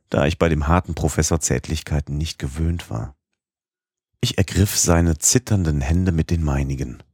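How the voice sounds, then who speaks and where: A man narrates an audiobook in a measured, expressive way. His voice is extremely deep and husky. The recording is dry and close, with no room sound. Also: no room sound.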